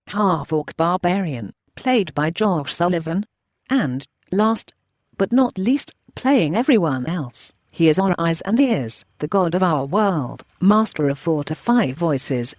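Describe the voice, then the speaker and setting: A woman's voice: on the low side, big pitch swings, slow, a little mellow, dry recording. A synthetic female robot voice reading a scripted podcast intro in a chirpy way. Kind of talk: scripted text-to-speech intro.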